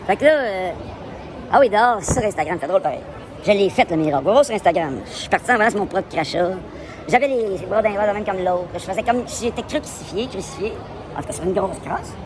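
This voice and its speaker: Québécois man, live vlogger, loud and provocative, rambling, fairly high pitch, faint background noise. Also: animated, fast talker, crowd noise. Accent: Québécois French. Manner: loud, provocative, mixes French and English. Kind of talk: rambling public livestream monologue. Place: indoors in a public place.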